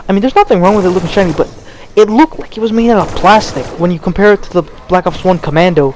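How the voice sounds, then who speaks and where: Feeling cold, a young gaming channel host rambles through an unscripted gameplay commentary rant, stuttering and restarting as he goes. He talks fast in a high-sitting, slightly mellow voice with lively intonation. A little hiss or hum runs underneath.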